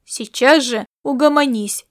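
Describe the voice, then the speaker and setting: A woman voicing a patient young man in an audiobook, soothing his grandmother with calm, gently mocking words. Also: high voice, measured pace. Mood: alarmed.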